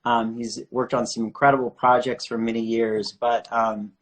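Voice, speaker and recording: A man's voice: mid-range voice, flat delivery, moderate pace. A man hosting a live online art interview series over a video call, chatty and full of questions. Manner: friendly, chatty, asks questions.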